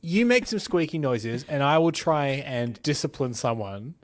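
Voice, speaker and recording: A man's voice: medium pitch, lively intonation, measured pace, dry recording. A man in casual comedic chat, improvising bits as a podcast host.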